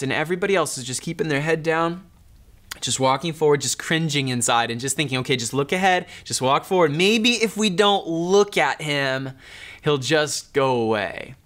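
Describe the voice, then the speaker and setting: A pastor in his thirties, his voice on the high side with a fairly bright tone, preaches a sermon earnestly in a conversational, storytelling style. He is indoors in a dark studio.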